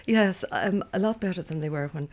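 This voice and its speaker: A woman's voice: on the low side, a little fast, a little mellow. An outspoken Irish woman in her seventies, talking freely in a roundtable discussion. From Ireland. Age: 70s. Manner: outspoken, talkative. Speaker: roundtable guest. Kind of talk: casual discussion.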